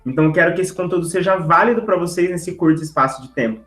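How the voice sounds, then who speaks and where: A man teaching public speaking in an online class, talking fast and lively and checking in with the audience as he goes. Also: fairly high pitch, reverberant, faint music behind, poor audio. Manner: lively, talks straight to the audience with tags like "tá?" and "né?"; brisk, speeding up on purpose to fit the content in. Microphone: video call setup.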